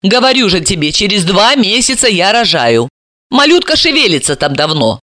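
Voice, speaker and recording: A woman's voice: mid-range voice, very animated, normal speed, bright, forceful tone, no room sound, studio quality. A woman voicing a teasing, sarcastic daughter in her thirties who mocks her mother. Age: 30s.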